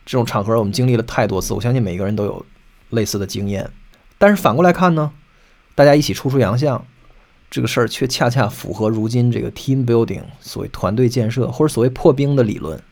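A man's voice: medium pitch, fast, a little mellow. A man hosting a solo podcast, explaining music at length and singing short snatches of songs to make his points. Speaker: podcast host.

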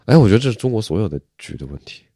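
A man's voice: on the low side, big pitch swings, very fast, dark tone, no echo, clean studio sound. A man co-hosting a podcast in casual chat, blunt and critical in a matter-of-fact way. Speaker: podcast co-host.

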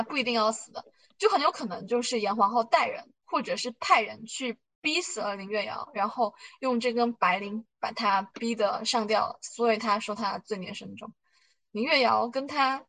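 On her podcast, a woman chattily recaps drama scenes and wonders aloud about characters' hidden motives, using lots of fillers. Her voice is fairly high and fairly bright, and the audio quality is poor.

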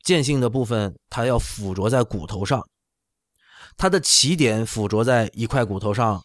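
A man's voice: mid-range voice, animated, moderate pace, no room sound. Middle aged guy, doctor explaining stuff casually, keeps checking you follow, dry sound. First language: not Chinese. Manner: explanatory, often checking with "right?". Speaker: orthopedic doctor explaining on a talk show.

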